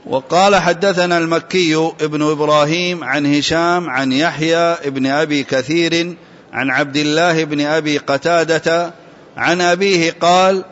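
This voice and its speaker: A man reading aloud to his teacher in a steady, formal recitation. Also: a little high, moderate pace. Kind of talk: reciting a classical text. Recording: dull lo-fi sound.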